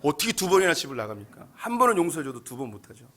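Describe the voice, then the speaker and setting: A male pastor preaching a sermon, telling the story in a lively, candid way. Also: fairly high pitch, rapid-fire.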